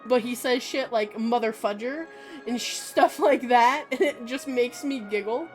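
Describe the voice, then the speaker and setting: A woman's voice: on the high side, a little slow, a little mellow, soft background music. A woman giving casual, irreverent game commentary as a streamer, giggly and free with swearing.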